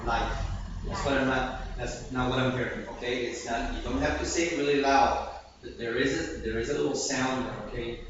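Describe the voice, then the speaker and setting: A man's voice: medium pitch, steady tone, moderate pace. A man with an American accent teaching English pronunciation, patiently checking in with "okay?" after each point. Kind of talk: classroom language lesson. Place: classroom. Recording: echoey room from a distant mic, dull sound, noisy.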